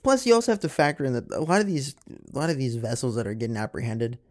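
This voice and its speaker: A man's voice: mid-range voice, sing-song, fast talker. A man co-hosting a podcast, talking in a casual, rambling way with many fillers and restarts. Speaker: podcast co-host. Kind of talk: casual chat.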